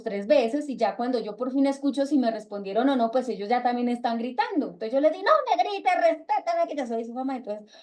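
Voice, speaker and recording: Colombian lady running a book club over a video call, highish mellow voice, acts out the quotes loud. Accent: Colombian Spanish. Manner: lively, acts out quoted dialogue in raised voice. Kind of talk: casual talk to a reading group.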